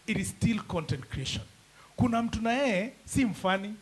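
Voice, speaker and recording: High-voiced Kenyan man, joking panelist. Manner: chatty, joking, mixes English with Swahili slang. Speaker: forum panelist. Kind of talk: casual panel talk.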